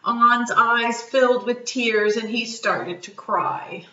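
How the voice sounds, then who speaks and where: Brief: woman storyteller for children, slow and bright, recorded far off in an echoey room. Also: on the high side, highs cut off. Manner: gentle, asks children questions. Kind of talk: children's read-aloud.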